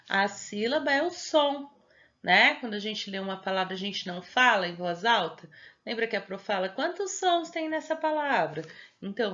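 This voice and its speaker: A woman's voice: on the high side, a bit bright. Patient Brazilian woman teacher, dull lo-fi audio. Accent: Brazilian Portuguese. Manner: patient, step-by-step explaining with frequent checking questions. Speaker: primary school teacher. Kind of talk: recorded homework instructions for young children.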